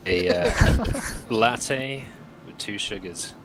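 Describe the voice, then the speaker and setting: A man casually chatting with friends in voice chat while playing, quick to laugh and thinking aloud with fillers. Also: lowish voice, very noisy.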